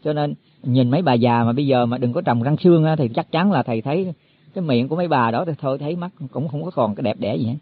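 A man's voice: medium pitch, fast talker, slightly rough, no room sound. A man giving a Buddhist sermon to monks, explaining in a folksy way and repeating his words as he goes. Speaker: Buddhist teacher. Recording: tinny phone-like, dry.

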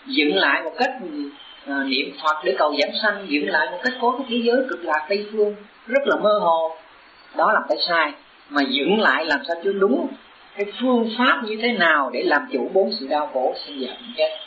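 Slightly high and bright, this man's forceful voice carries a sermon to his disciples as a Buddhist teacher, earnestly urging them until he reaches urgent emphasis. Slight background noise sits in an echoey, dull, lo-fi recording.

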